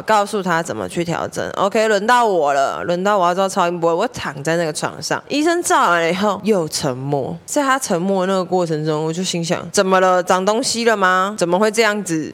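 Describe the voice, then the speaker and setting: A young woman with a Taiwanese Mandarin accent telling a comic personal story on her podcast, exasperated, and acting out her mother and the doctor. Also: on the low side. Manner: animated, exasperated, acts out her mother and the doctor in quick bursts. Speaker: podcast host.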